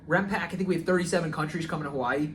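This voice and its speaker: Young male podcast co-host, relaxed rambling delivery, somewhat high voice, phone recording with light background noise. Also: rapid-fire. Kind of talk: casual chat. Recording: faint ambient noise, phone mic.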